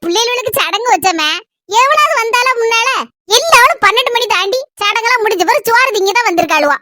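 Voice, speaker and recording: A harried housewife, played by a woman, pours out long grumbling rants in a Kanyakumari Tamil accent. Her voice sits very high and bright, and she talks at a quick clip in a dry, close recording. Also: lively intonation, dry recording, full character voice. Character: harried housewife and mother, complaining. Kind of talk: family comedy skit.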